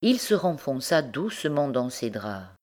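A woman narrating a literary story in a measured, expressive way. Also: very deep voice. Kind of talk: audiobook narration.

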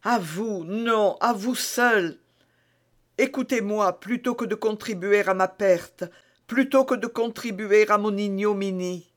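A man's voice: high-pitched, takes it slowly, fairly bright tone, pitched above the performer's own voice. A man reading an audiobook voices a desperate, scheming woman prisoner who pleads and prays in a tearful, theatrical way. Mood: pleading, indignant.

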